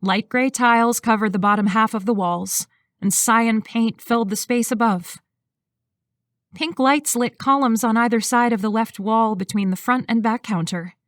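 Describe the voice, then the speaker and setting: Woman reading a romance audiobook, even and smooth, dry close sound. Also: a little high, normal speed, no room sound. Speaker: audiobook narrator. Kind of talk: scripted narration.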